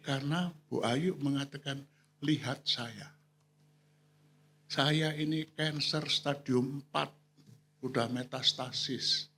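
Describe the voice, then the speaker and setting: A man's voice: mid-range voice, steady tone, slow pace, long pauses, bright, forceful tone, a little hiss or hum. An older man, a retired pastor, preaching in a conversational storytelling way and acting out the voices of the people he quotes. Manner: acts out quoted voices, briefly sings hymn lines. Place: church hall.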